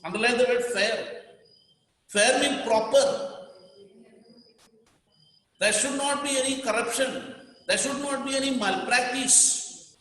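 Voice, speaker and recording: A man's voice: very high-pitched, takes it slowly, pauses often, pushed and bright. A man teaching a class, repeating key words and telling students what to underline. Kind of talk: classroom lecture. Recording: echoey room with long reverb.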